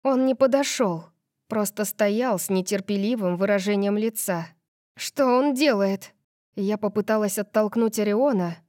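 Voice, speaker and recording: A woman narrating a first-person audiobook in an expressive manner. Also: mid-range voice, normal speed, no echo, clean studio sound.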